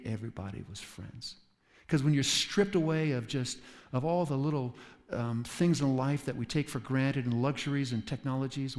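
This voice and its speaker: A man preaching a sermon in an animated way, acting out quoted voices with sudden jumps in pitch. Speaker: pastor. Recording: long reverb of a large hall.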